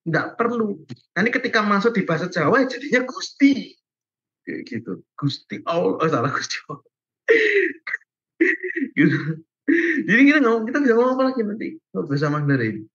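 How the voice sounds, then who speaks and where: A young man teaches a Bible class over a video call, his voice set a little high and somewhat husky. He talks in a loose, chatty way, circling back on his points with plenty of fillers. The call audio comes through muffled. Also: huge pitch swings, a little fast, a bit bright. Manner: chatty and informal, many fillers like "gitu" and "guys", laughs often. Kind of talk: casual online Bible lesson.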